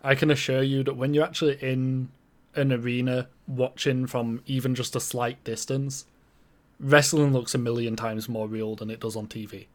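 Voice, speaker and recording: A man's voice: medium pitch, little pitch movement, moderate pace. A man co-hosting a podcast, casually explaining wrestling commentators and matches with plenty of fillers. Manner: explanatory, knowledgeable, filler-heavy. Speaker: podcast co-host. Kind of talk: casual chat about wrestling.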